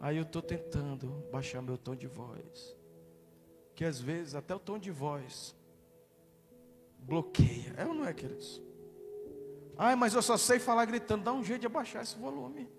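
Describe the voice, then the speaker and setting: Brazilian male pastor, high and loud, emphatic sermon, long church-hall reverb. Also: lively intonation, a little slow. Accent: Brazilian Portuguese. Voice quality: naturally loud voice. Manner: loud, emphatic preaching, calls out to the congregation. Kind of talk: sermon with declared prayer. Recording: reverberant hall with faint music.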